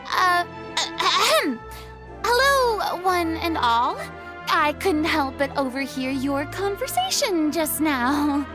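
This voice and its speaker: A proud, showy young woman stammers and then swings into grand theatrical speech. Her voice is very high and lively, and she talks slowly over game music. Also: full character voice. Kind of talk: video game voice acting.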